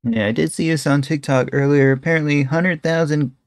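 Talking into a headset at home on a webcam stream, a young adult man rambles through a casual reaction, peppering it with "bro" and "guys." His voice sits fairly high, the tone stays steady, the pace is fairly quick, and the background is noisy.

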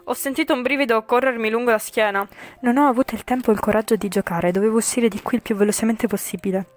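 A woman's voice: a little high, fairly even intonation, fast talker. A woman reading a visual novel aloud for viewers, with frequent slips, self-corrections and chatty asides. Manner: chatty asides with English swearing. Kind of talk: reading a game aloud with casual commentary.

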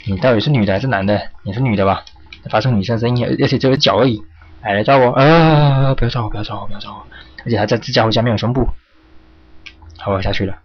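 A young man with a medium-pitched voice plays a horror game as let's play commentary on a stream, talking fast. He's jumpy, yelping and cursing at the game as he goes. His lo-fi home mic sounds slightly dull with a faint hiss.

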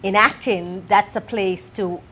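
Woman theatre director on a talk show, articulate, mid-pitched, explanatory. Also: steady tone, measured pace, fairly bright tone, slight background noise. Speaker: play director.

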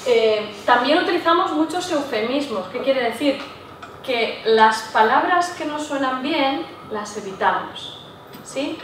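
A woman giving a public talk to a live audience, often checking in with her listeners with a quick "¿sí?". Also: high voice, lively intonation, fairly bright tone, slight background noise. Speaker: lecturer. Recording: echoey room, voice from far off.

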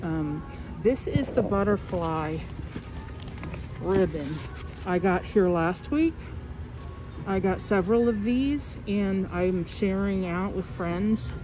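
A woman's voice: medium pitch, slow, long pauses. A woman giving a casual, chatty vlog tour of a store, her voice muffled by a face mask as she walks around filming. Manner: chatty, apologetic, speaking while walking around filming. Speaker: shopper hosting a store tour video. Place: inside a large store. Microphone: handheld phone camera. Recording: noisy store ambience, phone recording.

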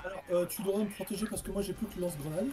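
Teammate on a co-op game, short replies, cusses a bit, loud music under it. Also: medium pitch, racing. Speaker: co-op gaming partner. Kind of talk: casual gaming chat.

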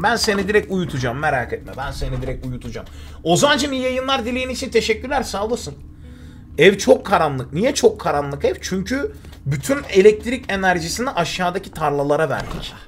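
Young man, gaming streamer, high lively voice, chatty, faint ambient hum. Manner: chatty, talks to himself and reads chat aloud. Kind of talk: live gameplay commentary.

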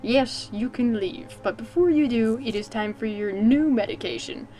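A woman's voice: fairly high pitch, moderate pace, mellow, soft background music, natural voice, rough recording. A woman playing a condescending male asylum doctor in a put-on British accent, with a clipped, patronizing bedside manner. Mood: stern.

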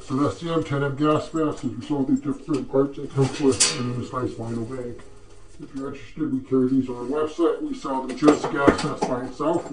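Guy muffled thru a gas mask, showing off gear, echoey room, kinda far from the mic. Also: medium pitch. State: talking through a gas mask. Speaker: shop owner showing gear. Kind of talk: casual product demo. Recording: roomy, mic at a distance.

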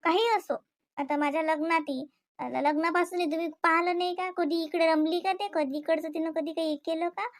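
A woman's voice: extremely high pitch, steady tone, a little fast, no room sound, studio quality. A woman plays a wife in a domestic comedy skit. She complains with worry and pushes her point with heated insistence. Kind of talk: scripted domestic comedy dialogue.

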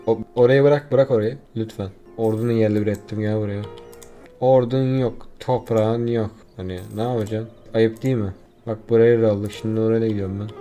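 A man's voice: on the low side, mellow. A young man giving casual, swearing commentary while playing a strategy game and talking back to the units on screen. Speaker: gameplay streamer.

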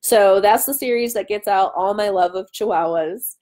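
Her voice mid-range and a little mellow, an author in her thirties chats casually at a moderate pace while taking viewer questions live. She interrupts herself with tangents, and the webcam picks her up from arm's length in her home dining room.

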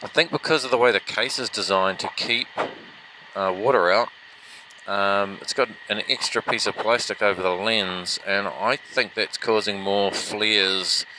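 A man with a fairly low voice talks a little slowly as he rides a motorbike, chatting in a rambling, self-mocking way about the action cameras he's reviewing. He's inside his helmet, and the helmet microphone with its foam fluffy records heavy wind and vehicle noise.

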